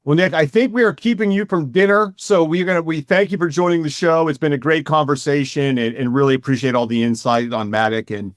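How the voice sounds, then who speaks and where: Male podcast host, upbeat interviewer, slightly high voice, dry sound. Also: steady tone, a little fast, few pauses, dry recording. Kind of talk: conversational interview.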